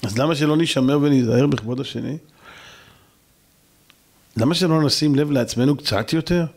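A man, a rabbi, preaching a sermon in an emphatic style full of rhetorical questions. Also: fairly high pitch. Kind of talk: sermon to a congregation.

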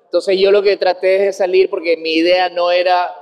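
A man's voice: high-pitched, brisk, smooth. A man, a guest comedian chatting in an interview, rambling and laughing as he talks. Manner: animated, rambling, laughs while talking. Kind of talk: casual interview chat.

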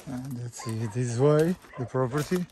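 Outdoors on a farm in the countryside, a male estate agent with a Portuguese accent does an informal property walkthrough in halting, simple, short-phrased English. His voice is mid-range. The outdoor handheld recording, made on a phone or camera he holds, has faint background noise.

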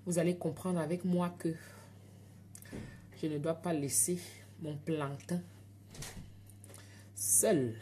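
A woman with an African French accent, hosting a casual live stream from home. She chats and tells stories in a lowish, animated voice, speaking straight to her viewers over a phone, with a faint hiss in the background. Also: takes it slowly, pauses often. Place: home at night.

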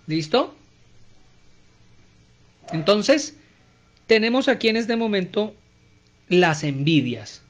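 A man giving a conversational Bible teaching, often checking in with his listeners and acting out everyday speech to make his points. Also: high voice.

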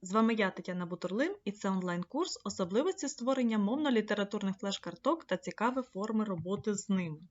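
A woman's voice: mid-range voice, lively intonation, quick pace, few pauses. Woman trainer explaining a tutorial. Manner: explanatory, addresses viewers directly. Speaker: online course trainer. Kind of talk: screen-share tutorial lesson. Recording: slightly dull lo-fi mic.

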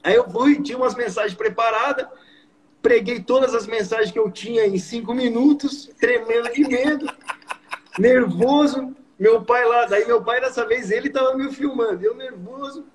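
A young man in his twenties with a Brazilian accent, telling a story as a guest in a casual, slangy, animated way. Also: extremely high pitch, normal speed, low-quality recording. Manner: slangy, animated, peppered with "mano" and "velho". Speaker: guest preacher.

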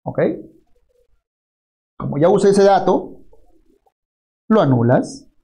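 A man's voice: high voice, slow. A man from Peru teaching an online math class, walking through each step aloud and often asking "right?". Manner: lively, rhetorical tag questions, walks through each step aloud.

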